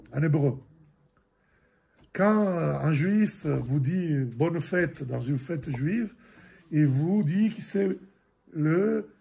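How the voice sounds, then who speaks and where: A middle-aged priest gives a catechism lesson, reading scripture and then explaining it. His voice sits a little high for a man and has a husky, gravelly grain. He talks very slowly, stumbling over words and repeating them as he works through each passage. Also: a little mellow. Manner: slow, halting, repeats words, many fillers.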